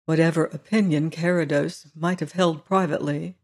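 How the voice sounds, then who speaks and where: A man reads a classic story aloud as narrator, with an even, unhurried delivery. His voice is slightly higher than most men's. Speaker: audiobook narrator. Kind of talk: scripted narration.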